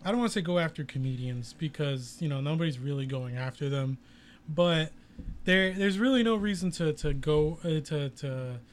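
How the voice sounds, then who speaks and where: A man's voice: a little high, expressive, normal speed, a little hiss or hum. A man in casual chat, rambling with frequent restarts and swearing. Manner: rambling, profane, hesitant restarts.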